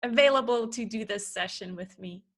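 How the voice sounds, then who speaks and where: A woman hosting a podcast, introducing her guest and asking gently inviting questions. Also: on the high side, moderate pace. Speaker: podcast host. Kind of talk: conversational interview.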